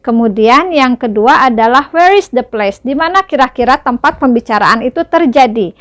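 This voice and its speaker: High-voiced woman teaching English. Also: animated, normal speed, fairly bright tone. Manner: patient, checks understanding with tag questions. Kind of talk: explaining lesson to viewers.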